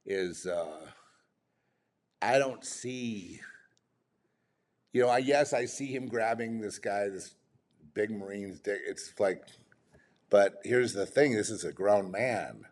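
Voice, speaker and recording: Rambling, exasperated man, lowish voice. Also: takes it slowly, long pauses, darkish tone. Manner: rambling, exasperated, full of restarts and rhetorical questions. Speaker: commentator. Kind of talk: off-the-cuff commentary.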